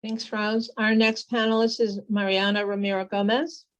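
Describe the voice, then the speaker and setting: A woman moderating a community panel discussion, speaking in a measured way with frequent pauses. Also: mid-range voice, flat delivery.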